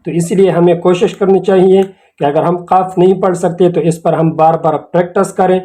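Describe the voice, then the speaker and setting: Patient man teaching recitation, dark voice. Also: sits high, fairly even intonation. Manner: patient, repeats words and phrases. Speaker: Quran tajweed teacher. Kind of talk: slow explanatory lesson. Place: academy channel video lesson.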